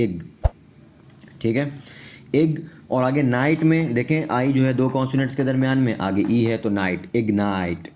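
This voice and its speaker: A man's voice: mid-range voice, a little hiss or hum. A man with a Pakistani accent teaching English pronunciation in Urdu, patiently repeating each word and checking in with his students.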